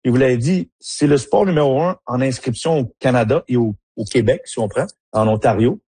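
In a mellow, mid-range voice with a breathy edge, a man from Haiti, once a player and now a soccer analyst, responds to interview questions a little fast. He hesitates often, full of fillers and restarts, and the recording is dry.

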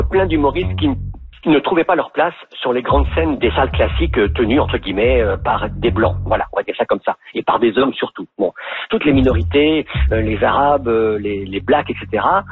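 Hesitant man on a tinny line. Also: medium pitch. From Belgium. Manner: reflective, hesitant. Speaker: comedian. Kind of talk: interview. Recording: tinny phone-like sound, faint music.

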